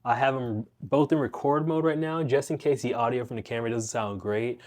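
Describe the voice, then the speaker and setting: Speaking a little fast in a mid-range voice, this young guitar teacher and channel host rambles casually through the music gear he keeps at home. His manner is relaxed and full of slang, picked up by a wireless clip-on mic plugged into his phone.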